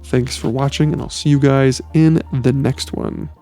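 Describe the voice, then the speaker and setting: A man hosting a software tutorial, walking through photo editing step by step in a relaxed way. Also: medium pitch, moderate pace. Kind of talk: screen-recorded software tutorial. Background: faint background music.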